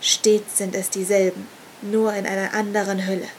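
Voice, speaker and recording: A woman voicing an old, scarred male cult leader who is a seer, speaking quietly and coldly, rising to forceful. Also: medium pitch, level tone, normal speed, a little hiss or hum, close to an everyday voice, rough recording. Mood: solemn.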